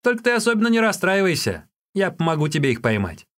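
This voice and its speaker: A man voicing a cheeky young male street peddler who chatters in a high, excited voice. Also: fast.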